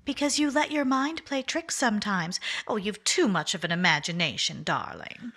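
A woman with a medium-pitched, fairly bright, slightly rough voice speaks at a moderate pace with lively intonation. In 1940s-style radio acting, she plays a cool, scheming wife in an old-time mystery, coaxing him in a silky way, purring endearments, and calling him darling.

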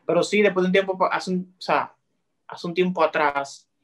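Young Dominican male guest, friendly and easygoing, a touch high in pitch, heard through a video call. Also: moderate pace. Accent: Dominican Spanish. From Dominican Republic. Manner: friendly, relaxed, chatty. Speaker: guest TikToker. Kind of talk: casual interview on a video call. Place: small room indoors.

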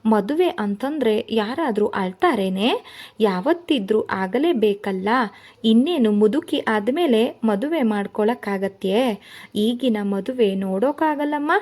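A woman reading aloud voices a brisk, practical middle-aged mother who scolds her daughter for crying. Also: a little high, lively intonation, darkish tone. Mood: scolding. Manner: chiding, dismissive of tears.

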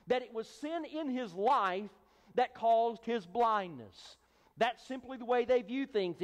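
A pastor preaches emphatically in a church sanctuary, his extremely high voice filling the large hall. He plays out the voices of a crowd, hushing loudly as they would.

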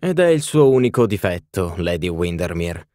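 A man voicing a fussy little male palm reader who pronounces readings in a measured, ceremonious way. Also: deep voice, sing-song, warm tone, dry recording, studio quality. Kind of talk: audiobook reading.

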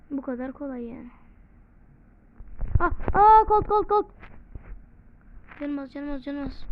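A woman hosting a gaming channel, giving excited gameplay commentary. She shouts and repeats words in bursts and swears playfully at her teammates. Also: sits high. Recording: slightly dull with faint background noise.

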